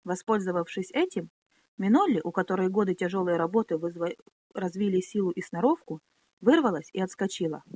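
A woman narrating a fantasy novel as an expressive audiobook reading. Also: lowish voice, fairly quick. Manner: expressive, animated.

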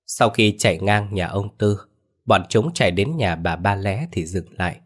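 A man narrating a ghost story in a folksy, lively storytelling manner. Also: on the low side, moderate pace.

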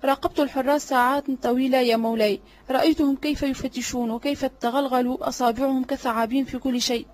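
A woman voicing a cunning, flattering male servant in an audiobook drama reading, obsequious and sly. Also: sits high, fast, close to an everyday voice.

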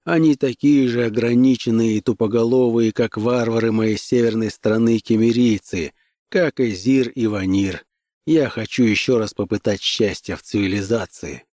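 A male audiobook reader voicing a gruff, hardened barbarian warrior who barks curt commands. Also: medium pitch, fairly even intonation, moderate pace, mellow, no echo, clean studio sound, natural voice. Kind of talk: audiobook character voice.

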